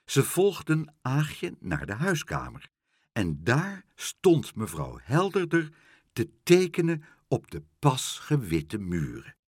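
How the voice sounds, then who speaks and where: A man reading a children's story aloud with expressive delivery. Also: mid-range voice, husky, dry recording, clean studio sound. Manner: expressive, unhurried.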